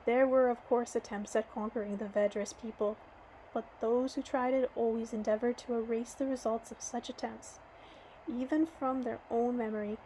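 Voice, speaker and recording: A woman reading an audiobook aloud, earnest and measured, her voice slightly hoarse. Her pitch is high and her tone mellow, with a faint hiss of background noise. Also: fairly even intonation, rough recording. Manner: earnest, measured, with occasional restarts. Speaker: audiobook reader.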